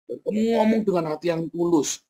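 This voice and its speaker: A man's voice: a little high, brisk, dark tone. A male pastor preaching a sermon in an emphatic, repetitive style, often addressing listeners directly and acting out quoted speech. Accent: Indonesian. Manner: repetitive, emphatic preaching with frequent "saudara" asides; acts out quoted speakers in his own voice.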